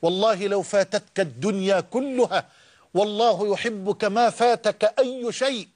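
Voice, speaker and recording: Male Egyptian preacher, high-pitched, impassioned sermon delivery with drawn-out recitation. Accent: Egyptian Arabic. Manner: impassioned, rising emphatic repetitions; slow drawn-out recitation of scripture.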